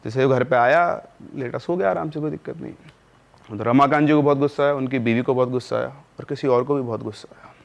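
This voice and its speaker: Male storyteller, casual spoken horror tale, chatty and unpolished, mid pitch. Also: a little fast, gravelly. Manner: conversational, with filler sounds and self-corrections.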